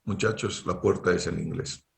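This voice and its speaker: Lecturing on engineering to university students over a video call, this middle-aged Bolivian Spanish speaker keeps dropping in rhetorical "¿no es cierto?" tags. He talks at a moderate pace in a low, steady voice with vocal fry, and the audio is reverberant.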